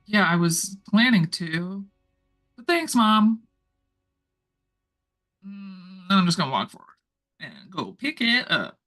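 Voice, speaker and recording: Female tabletop player, medium pitch, offhand dry delivery, casual in-character banter over soft music. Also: sing-song, takes it slowly, long pauses. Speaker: player in tabletop role-playing game.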